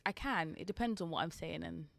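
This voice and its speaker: A young English woman with a lowish voice, chatting casually as a podcast co-host. She tells stories and drops into quoted voices now and then. The sound is dry and close. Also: fairly quick, gravelly, a bit bright, dry recording. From England. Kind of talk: casual chat.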